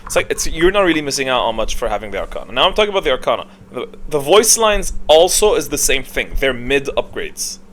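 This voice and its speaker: Fast and with few pauses, a gaming streamer ranking titles by tier talks in a mid-range, slightly bright voice that swings widely in pitch. His unscripted commentary is casual, opinionated and blunt, with the odd swear word, and background noise is clearly audible.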